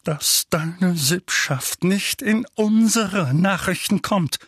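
Onkel Vernon, a bellowing furious uncle. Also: male voice, extremely high pitch, big pitch swings, a little slow, dry recording, clean studio sound, voice pushed up, heavily acted. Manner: shouting, hoarse, trembling with rage. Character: fat furious middle-aged uncle, blustering. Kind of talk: audiobook character voice.

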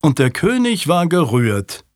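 A man's voice: mid-range voice, normal speed, breathy edge, no room sound, clean studio sound, close to an everyday voice. Guy doing a bitter young noble dude, sulky and sneering. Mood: scornful.

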